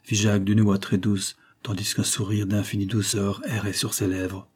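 A man narrating a classic novel with an expressive, literary delivery. His voice is low, dark and husky. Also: normal speed. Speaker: audiobook narrator. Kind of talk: scripted narration.

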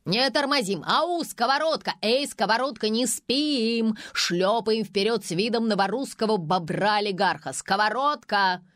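A woman voicing a bossy young male film director who yells orders on set. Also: fairly high pitch, measured pace, few pauses, dry recording, studio quality. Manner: yelling, barking orders.

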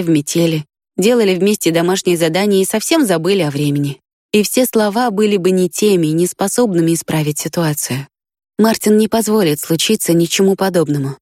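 A woman narrating an audiobook in a calm, even reading voice. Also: fairly low pitch, no echo, studio quality.

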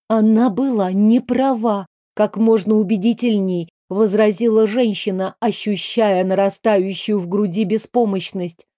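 A woman narrates a novel in a measured, even storytelling voice. Her tone is warm and mellow, at a middle pitch. The sound is dry and close, with no room echo. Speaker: audiobook narrator. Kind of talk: scripted narration.

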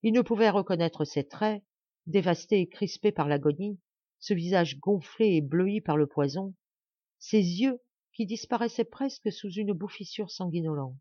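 A woman narrating a classic novel as an audiobook, in an expressive, dramatic reading. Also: fairly low pitch, moderate pace, no echo, muffled recording. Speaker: audiobook reader.

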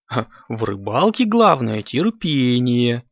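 A man voicing a confident, good-natured father cat who speaks with slow, knowing certainty, on a dull lo-fi recording. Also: medium pitch, very animated, breathy edge, no room sound. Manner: decisive, knowing, slow and sure.

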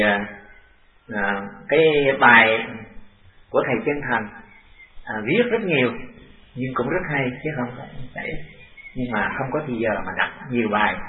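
An older monk teaches a class at a measured, halting pace, circling back over his own phrases. His voice sits at a middling pitch and comes from away from the mic. The recording is a tinny, phone-like old tape in an echoey room. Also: recorded from a distance. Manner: halting and deliberate, repeating phrases. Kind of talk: dharma talk to a class.

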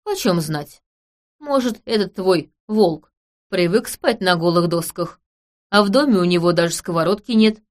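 A woman reading an audiobook, voicing a composed nobleman with a dry, wry, measured way of talking. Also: fairly low pitch, lively intonation, natural voice.

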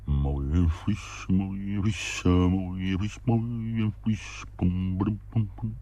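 A man's voice: a bass voice, unhurried, creaky, breathy edge, full character voice. A man voicing a weary, wistful drinking man of about fifty who mumbles and rambles, humming to himself, in a read-aloud story.

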